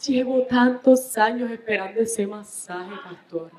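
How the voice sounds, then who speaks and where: A disappointed husband tearfully pours out his hurt in a hushed, pleading tone, with a Puerto Rican accent. A woman preacher acts him out in a sermon story with her own high-pitched voice. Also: a little slow, lightly acted. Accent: Puerto Rican Spanish.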